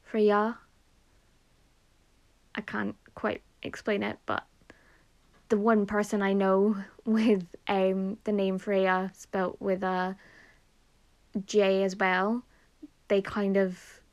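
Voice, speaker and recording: A woman's voice: mid-range voice, level tone, takes it slowly. A woman casually reading out a list of names and their pronunciations, repeating each one and adding nerdy asides. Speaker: name pronunciation reader.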